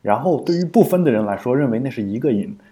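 A man's voice: medium pitch, expressive, fast talker, mellow. A man co-hosting a podcast in casual explanatory chat, thinking aloud with frequent fillers and restarts. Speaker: podcast co-host.

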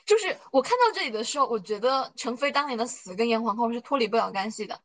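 Animated and quick, a woman with a slightly high, fairly bright voice hosts a podcast recapping drama scenes. She chats loosely, full of fillers, while puzzling over hidden motives, all in a low-quality recording.

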